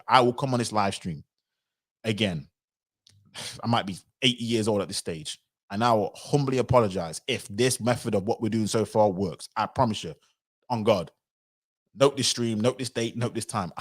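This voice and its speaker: A man giving animated livestream commentary, sometimes acting out other people's voices. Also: lowish voice. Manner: animated, acts out quoted voices.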